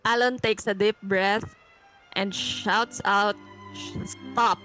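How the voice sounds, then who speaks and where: A woman's voice: medium pitch, fairly even intonation, slow pace, pushed and bright, low-quality recording. Eager woman player over music. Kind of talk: casual tabletop play. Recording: clear music in the background.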